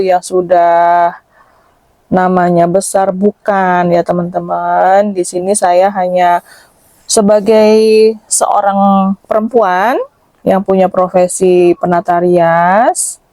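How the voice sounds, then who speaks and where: A makeup artist who hosts her own channel records a dry, close, dubbed voice-over with no echo. Her voice is shrill, thin, and darkish in tone. She chats casually and modestly, self-deprecating and treating viewers like friends.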